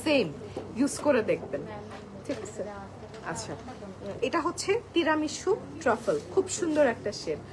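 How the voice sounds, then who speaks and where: This woman's voice sits high and sing-song, at normal speed with frequent pauses. She hosts a live-stream sale from a crowded indoor store outlet, chatting to viewers as apu, showing products and moving between soft and loud talk. The clip-on mic records her over crowd noise from chattering shoppers.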